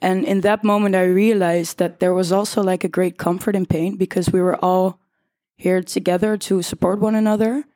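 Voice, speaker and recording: Young woman, dark soft-edged tone, dry close sound, podcast guest. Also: mid-range voice, fairly even intonation, normal speed, no echo. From The Hague, Netherlands. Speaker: student panel guest. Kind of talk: informal podcast conversation.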